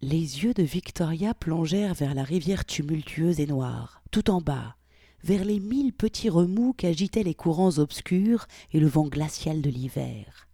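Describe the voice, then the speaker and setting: A woman with a low voice reads a novel aloud in a measured storytelling manner. Her delivery is lively, with a wide melody. The recording is dry and close. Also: husky, dry recording. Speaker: audiobook reader. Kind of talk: scripted narration.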